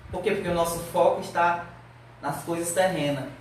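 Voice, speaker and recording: A high-voiced man teaches a Sunday Bible lesson, earnestly pressing his class with question after question. He sounds far from the microphone in a very reverberant church hall, with a faint hiss underneath. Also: a little fast. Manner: earnest, exhorting with rhetorical questions. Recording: very echoey, distant mic, faint noise.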